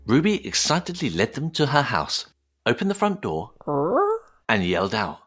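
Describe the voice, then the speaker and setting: A woman narrating a children's story in a gentle, expressive way. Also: rumbling low, normal speed, husky, soft background music.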